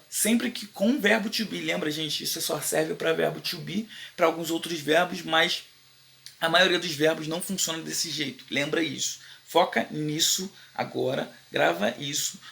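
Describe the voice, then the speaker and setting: A man with a Brazilian Portuguese accent teaching a casual online English lesson, speaking in slangy informal Portuguese and slowly repeating the English phrases for his learners. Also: fairly high pitch, vocal fry, pushed and bright. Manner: slow, drawn-out repetition of English phrases for learners; informal, slangy Brazilian Portuguese with frequent "beleza?" check-ins.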